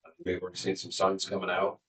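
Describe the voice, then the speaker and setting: A man introduces himself to a small-town council, pausing often on fillers. His voice is deep and flat. He sounds far from the mic, in a roomy hall. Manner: halting, many fillers. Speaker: judicial candidate introducing himself. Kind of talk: informal public self-introduction. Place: town hall meeting room.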